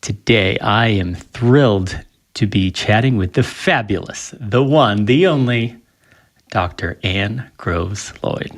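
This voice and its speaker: A man hosting a podcast in a deep, rich radio voice. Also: slow pace. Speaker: podcast host.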